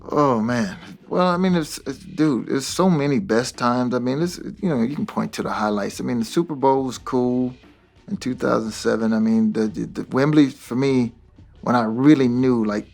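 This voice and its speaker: A man, a musician guest, telling stories in a casual, animated way, laughing often and acting out the voices of people he quotes. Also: mid-range voice, moderate pace, vocal fry, faint music behind. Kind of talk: casual anecdotal storytelling.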